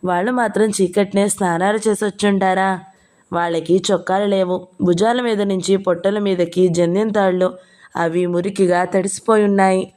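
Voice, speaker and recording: A woman's voice: mid-range voice, fairly even intonation, normal speed, a little mellow, natural voice. A woman voicing a timid, educated young bride who talks in a meek, apologetic way. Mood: sheepish.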